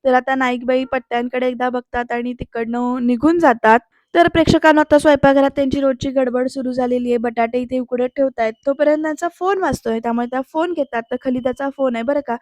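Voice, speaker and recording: A high-voiced woman narrating a TV episode recap as a voice-over. She talks straight to her viewers in a chatty, running way. The sound is dry and close, with no room around her. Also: fairly even intonation, fast, darkish tone, dry recording. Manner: chatty, addresses viewers directly with tag phrases. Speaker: serial reviewer. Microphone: close mic, voice-over.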